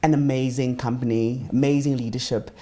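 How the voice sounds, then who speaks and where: A man's voice: medium pitch, fairly even intonation, brisk, warm tone. A man in his thirties from South Africa, answering interview questions with many fillers and restarts. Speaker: business guest.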